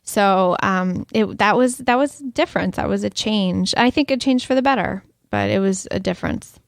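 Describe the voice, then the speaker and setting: A woman's voice: mid-range voice, moderate pace, vocal fry, no room sound, clean studio sound. A woman in her thirties co-hosting a podcast, talking in a chatty, reflective way and laughing often. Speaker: podcast co-host. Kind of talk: casual podcast chat.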